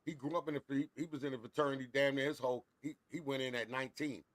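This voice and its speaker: A man's voice: mid-range voice, steady tone, rapid-fire, no echo. A man in his forties hosting a podcast, chatting casually, swearing freely, laughing often and mimicking elders. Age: 40s. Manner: profane, laughing storyteller, does loud mocking voices of elders. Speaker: podcast host.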